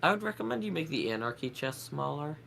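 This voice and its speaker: A man's voice: on the high side, very animated, quick pace, fairly bright tone. A man with a stuffy nose from a cold, chatting casually on a game stream. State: congested with a head cold, blocked nose. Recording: clear background noise.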